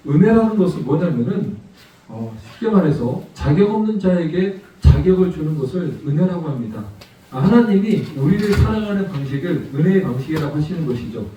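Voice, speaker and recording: A man preaches to a congregation, his high, soft-edged voice heard from well back in the sanctuary. The church hall rings with heavy echo. He moves through a personal story and keeps asking his listeners rhetorical questions. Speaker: missionary guest preacher. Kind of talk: sermon. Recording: echoey church hall from far off.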